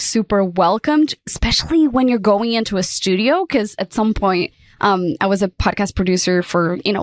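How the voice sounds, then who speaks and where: Recorded dry with no echo, a Portuguese woman whose first language is Portuguese chats in a voice on the high side. As a podcast guest in a relaxed interview, she stays upbeat and talkative, leaning heavily on "like."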